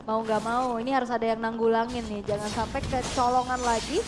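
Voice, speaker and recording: A woman giving casual, brisk analytic color commentary on an esports match. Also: on the high side, level tone, over music.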